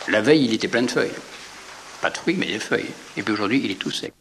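A man's voice: on the low side, expressive, fast talker, a bit bright, slight background noise. A man preaching in an informal, conversational way, retelling a scripture story with frequent asides and repeated words. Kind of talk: informal sermon retelling the Gospel.

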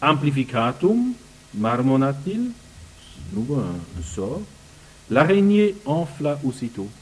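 A man reads passages from a book and breaks off to explain them in his own words. His delivery is halting, with frequent pauses while he searches for the right word. His voice sits at an ordinary pitch for a man. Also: big pitch swings, warm tone, breathy edge, low-quality recording. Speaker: speaker commenting on a book. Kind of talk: reading passages aloud and commenting.

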